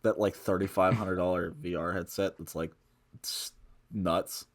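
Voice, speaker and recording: A man's voice: deep voice, fairly even intonation, measured pace. A young man chatting casually in a laid-back way, swearing now and then. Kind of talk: casual chat.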